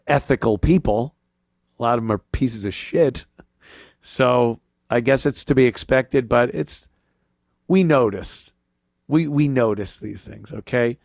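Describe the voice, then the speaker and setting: A man's voice: medium pitch, gravelly, dry recording, studio quality. A man hosting a talk show, giving a casual opinion monologue in a blunt, profane, jaded manner. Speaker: talk show host, comedian.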